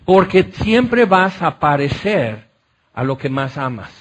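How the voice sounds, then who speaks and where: High-voiced impassioned male preacher. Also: very animated, takes it slowly. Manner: impassioned, swelling to loud repeated exclamations then dropping soft; asks the congregation rhetorical questions. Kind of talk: sermon. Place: large tent.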